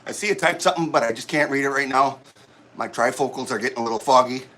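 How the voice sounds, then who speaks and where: A middle-aged man, out of breath, chatting casually with viewers of his livestream during a gym workout, halting and rambling with many restarts. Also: medium pitch, a bit bright. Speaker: livestream host. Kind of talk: casual chat while working out on a livestream. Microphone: camera set up nearby.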